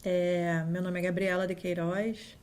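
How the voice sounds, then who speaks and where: A data scientist from Rio de Janeiro, Brazil, speaking with a Carioca Brazilian Portuguese accent, sits as a guest in an office and tells her story in a casual interview. She's chatty, with many fillers and restarts, and acts out quotes. Her fairly low voice is a little mellow, flat in delivery, at a measured pace.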